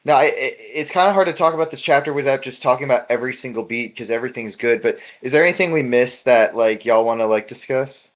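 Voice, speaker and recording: Talking fast with few pauses in a medium-pitched voice, a man hosts a casual podcast discussing a webcomic. His delivery is rambling and informal, full of filler words.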